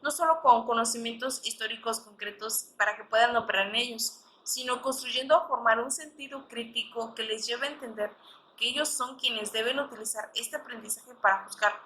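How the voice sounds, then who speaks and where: A woman's voice: on the high side, moderate pace, sharp tone, slight background noise, rough recording. A woman panelist reading a prepared academic text in a formal way, sometimes stumbling over words. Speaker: panelist, history teacher.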